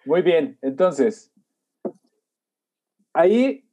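A man's voice: on the high side, very animated, extremely slow, dark tone, dull audio. A man hosting a podcast in casual chat, joking and slangy. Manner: joking, slangy, fills with "güey". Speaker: podcast host.

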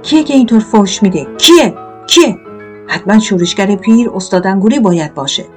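A woman voicing a pompous, bullying male tomato knight in a storybook reading, shouting threats. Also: on the high side, soft background music, pitched above the performer's own voice, close to an everyday voice. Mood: blustering angry. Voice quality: shouting, blustering.

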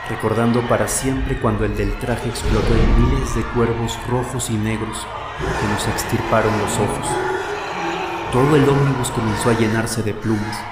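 A man's voice: lowish voice, heavy background noise, natural voice. A man as a haunted blind witness. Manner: slow grim storytelling. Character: haunted blind male witness, grave, middle-aged. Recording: roomy echo with loud music.

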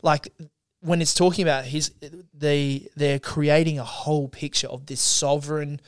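A man's voice: on the high side, steady tone, smooth, no room sound, clean studio sound. A man co-hosting a faith podcast, talking about scripture in a friendly, easygoing way. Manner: friendly, self-deprecating, reads slowly and deliberately. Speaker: podcast co-host. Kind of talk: casual Bible discussion and scripture reading.

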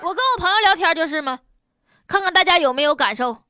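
High, animated Northeastern Mandarin woman host. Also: fast talker, no echo, studio quality. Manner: blunt, colloquial, opinionated delivery. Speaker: host of a news commentary show. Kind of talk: humorous, colloquial news commentary.

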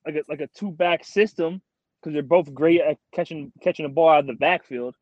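A man's voice: a little high, brisk, dry recording. A young man co-hosting a sports podcast in casual, slangy frat-bro talk, like chatting with a buddy. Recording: dull, dry lo-fi audio.

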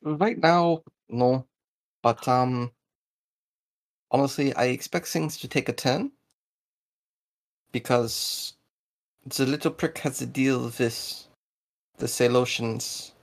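A man's voice: medium pitch, takes it slowly, long pauses. A man voicing a shady male smuggler with a put-on Russian-German accent and a fussy, affected way of talking. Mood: conspiratorial. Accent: mock Russian-German. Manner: fussy, affected foreign lilt.

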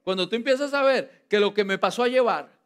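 A man with a Costa Rican accent preaching a lively sermon, playful and teasing with his congregation. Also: high-pitched, fairly quick, smooth. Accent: Costa Rican Spanish. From Costa Rica.

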